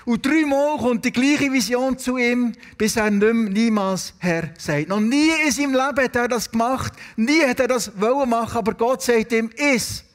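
A man with a Swiss German accent preaches a sermon, his voice sitting high for a man. He tells the stories in a lively way and turns to the congregation with questions. A long reverb from the hall trails after each phrase. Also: moderate pace, hardly any pauses. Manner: storytelling, asks the congregation questions.

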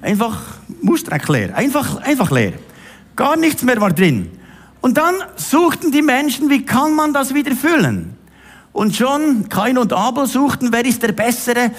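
Lively high-pitched man preaching a sermon. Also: unhurried. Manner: emphatic, direct address to listener.

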